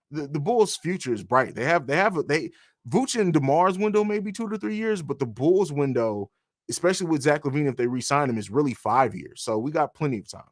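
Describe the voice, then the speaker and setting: A man's voice: a little high, no room sound. Man, podcast host, casual sports talk, blunt, rambling, dry recording. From grew up in Germany on a US military base. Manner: rambling, restarts, blunt and profane.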